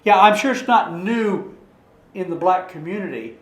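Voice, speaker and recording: This recording, echoey and made in a church meeting room, features a man leading an informal Bible study. His voice is high-pitched and animated, moving at a moderate pace as he rambles, restarts sentences, repeats words, and poses rhetorical questions to the group.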